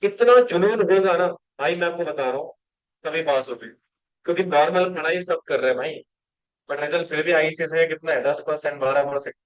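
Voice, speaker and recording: Man, classroom lecture, coaching tone, rhetorical questions, somewhat high pitch, muffled sound. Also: brisk. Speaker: company law teacher.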